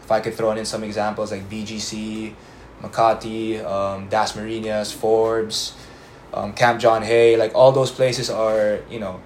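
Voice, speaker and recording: A young man from the Philippines, a college student, answering interview questions in a relaxed way with frequent um fillers. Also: lowish voice. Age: young adult. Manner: relaxed, many um fillers and slow pauses. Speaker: interview guest. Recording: roomy echo, faint background noise.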